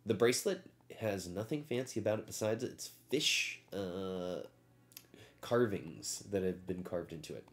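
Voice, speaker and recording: A man's voice: sits low, a little slow. A man acting as game master, narrating a tabletop game and reading out rules.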